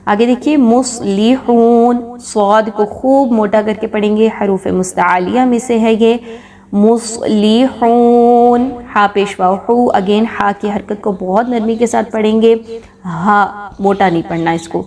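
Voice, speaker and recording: A woman tutor teaching Quran recitation rules, explaining patiently and drawing out recited words slowly. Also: mid-range voice, a little mellow. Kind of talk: tajweed lesson.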